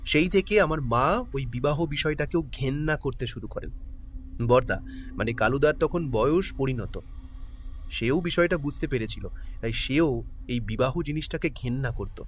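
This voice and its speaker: In a lightly acted audio drama role, a man plays a guarded middle-aged character who somberly and reluctantly recounts a sad family history. His mid-range voice is expressive and moderately paced, with faint background music and a little hiss or hum in the recording.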